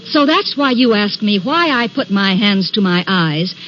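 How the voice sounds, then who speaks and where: A woman's voice: mid-range voice, lively intonation, measured pace, fairly bright tone, a little hiss or hum. An actress playing a skeptical, frightened woman traveler in a 1940s radio play, asking clipped questions and narrating in the first person. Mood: tense. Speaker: visitor to the signal shack. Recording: dull old radio recording.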